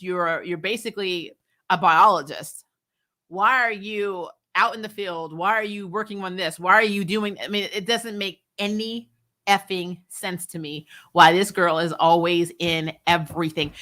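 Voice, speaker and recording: Reading out and responding to viewer comments in a casual spoiler recap, the host of a TV show review channel comes across bright-voiced, blunt and sarcastic. She sits at a medium pitch, sounds animated and exasperated, and swears casually.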